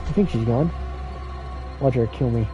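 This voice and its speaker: A man's voice: medium pitch, moderate pace, muffled recording, music in the background. A man streaming a game, rambling and swearing through a casual rant. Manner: rambling, profane, ranting. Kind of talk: casual rambling commentary while playing.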